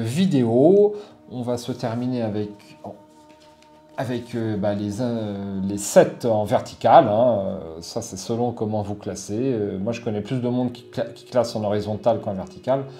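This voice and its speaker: A man's voice: mid-range voice, mellow. A middle-aged man hosting a board game channel, giving a casual product review full of fillers and restarts. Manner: hesitant, many fillers and restarts.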